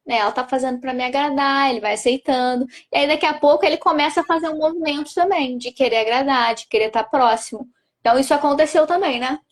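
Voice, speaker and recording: High, fast-talking Brazilian therapist woman. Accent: Brazilian Portuguese. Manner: affirming, guiding, explanatory. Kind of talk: interview and counseling commentary.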